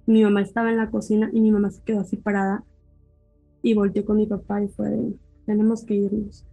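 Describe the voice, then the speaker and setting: A woman's voice: mid-range voice, fast talker, vocal fry, dry recording, faint music behind, low-quality recording. A woman with a Mexican accent, a podcast guest telling a personal story in casual chat and acting out her family's words. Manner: animated, acts out family dialogue.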